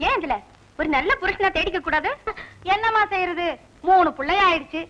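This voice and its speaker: Shrill scolding woman from an old film comedy. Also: moderate pace, sharp tone, dull audio, slight background noise. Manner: scolding, exasperated. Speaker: film actress playing a scolding working wife.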